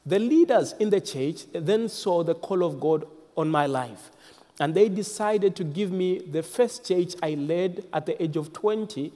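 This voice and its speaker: Young man, guest minister; high-ish voice, formal and reverent, reverberant church hall. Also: lively intonation, measured pace, warm tone. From Zambia. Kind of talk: prayer and personal testimony.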